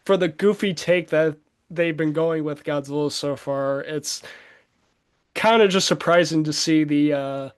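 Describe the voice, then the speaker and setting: Smooth-voiced chatty man. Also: on the high side, measured pace. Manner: rambling, laughs often, many fillers. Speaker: co-host. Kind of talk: casual chat.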